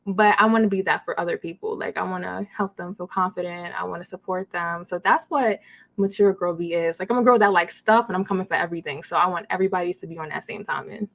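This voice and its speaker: A woman's voice: fairly low pitch, fast, creaky, fairly bright tone. Bubbly woman with a Brooklyn accent. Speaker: podcast guest, anime content creator. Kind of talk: casual upbeat interview chat.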